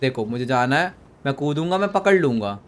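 A young man doing joking live commentary while streaming a horror game, mixing Hindi and English and yelling at the character on screen. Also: medium pitch, animated, a little fast. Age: young adult. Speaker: gaming streamer. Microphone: desk microphone.

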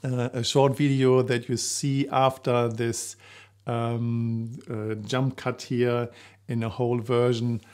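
Middle-aged man presenting, even pitch. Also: slow pace, smooth. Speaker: presenter, coach and author. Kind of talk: to-camera promotional presentation. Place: small living-room home studio indoors. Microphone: shotgun microphone just out of frame.

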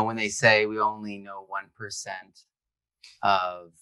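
A man's voice: on the low side, pushed and bright, clean tone, dry recording. A male author being interviewed, speaking casually and animatedly with lots of "like". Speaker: author and guest. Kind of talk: conversational interview.

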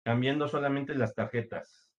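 A man's voice: mid-range voice, steady tone, moderate pace, dull audio. A man teaching a computer class, walking students through each step patiently with frequent fillers. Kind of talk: screen-share computer lesson.

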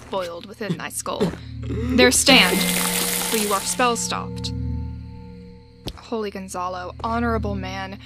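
Woman playing Prospero, a slow, grand sorcerer-duke. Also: medium pitch, natural voice. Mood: solemn, then sorrowful, stern. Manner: grand, declamatory, deliberate. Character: commanding exiled duke sorcerer Prospero, solemn and grieving. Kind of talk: Shakespearean radio play acting in verse.

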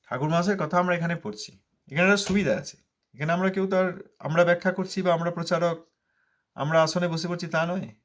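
A man's voice: sits high, fairly even intonation, a little fast, fairly bright tone. A man giving a devotional sermon as a spiritual teacher, stressing points by repeating them and answering his own rhetorical questions. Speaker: spiritual teacher expounding scripture.

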